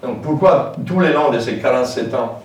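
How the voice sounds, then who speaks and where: In an echoey hall, a distant mic catches a man delivering a public lecture at a moderate pace in a mid-range voice, with slight background noise. He has a French accent with a foreign lilt and speaks informally, hesitating often and filling his talk with asides and fillers.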